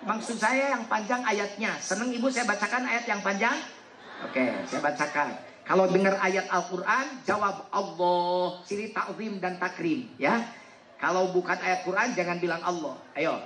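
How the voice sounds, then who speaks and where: High, bright-voiced joking preacher. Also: male voice, moderate pace, a little hiss or hum. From West Java. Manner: joking, teasing the audience, asking it to answer back. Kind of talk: humorous sermon to a live congregation. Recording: echoey hall with faint crowd.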